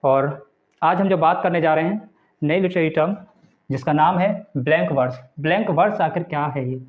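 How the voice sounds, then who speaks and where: A man gives a Hindi lecture on English literature, slowly reading English definitions aloud and then patiently explaining them. His voice is a little high, and the recording has a tinny, phone-like sound.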